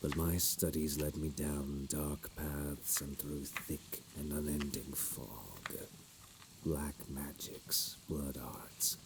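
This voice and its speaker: Sinister gentlemanly plague doctor , male actor: extremely low, slow, unhurried delivery, theatrical dark-fantasy audio role-play. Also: background noise, heavily acted. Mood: grave, brooding. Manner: archaic, theatrical wording, doting and menacing.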